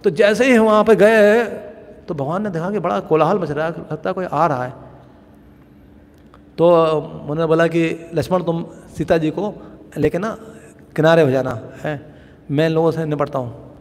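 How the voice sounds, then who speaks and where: A man giving a devotional scripture class, telling the story in a lively way and chuckling as he goes. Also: a little high, normal speed, pauses often, in a large hall. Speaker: lecturer on scripture.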